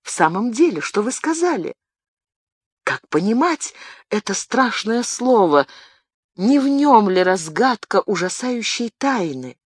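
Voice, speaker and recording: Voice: mid-range voice, sing-song, measured pace, breathy edge, dry recording, studio quality, pitched above the performer's own voice. A reader voicing an insistent young noblewoman. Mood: pleading. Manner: pleading, questioning. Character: young woman of noble birth, earnest and insistent. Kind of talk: audiobook character reading.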